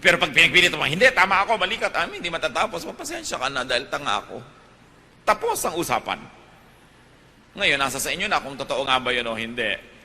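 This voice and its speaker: A man's voice: medium pitch, bright, forceful tone, long reverb tail, a little hiss or hum. A Filipino man preaching a sermon, moving between Tagalog and English and building to emphatic peaks.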